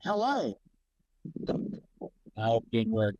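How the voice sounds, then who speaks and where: A man ranting fast in casual, profane talk, his voice muffled and hollow as if speaking from inside a tunnel or a can over a remote call mic. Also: medium pitch, huge pitch swings, darkish tone, no room sound. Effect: muffled hollow mic, like talking in a tunnel or a can. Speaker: podcast co-host.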